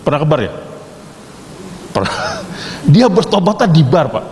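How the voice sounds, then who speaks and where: Animated male teacher in an echoey hall. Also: fairly high pitch. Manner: jokey, rapid-fire questioning of students. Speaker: theology teacher. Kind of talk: interactive class lecture with storytelling. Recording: echoey hall, faint background hiss.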